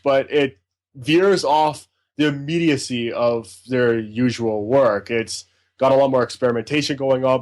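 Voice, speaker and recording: A man co-hosting a casual podcast, reviewing albums in a rambling, enthusiastic way. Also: mid-range voice. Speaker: podcast co-host, music reviewer.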